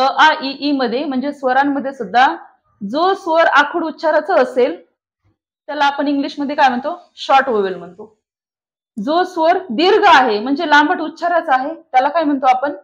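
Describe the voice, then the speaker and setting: A woman's voice: high voice, lo-fi sound. A woman teaching a shorthand lesson to a classroom, asking the class questions and answering them herself. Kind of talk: classroom lecture. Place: classroom with online students.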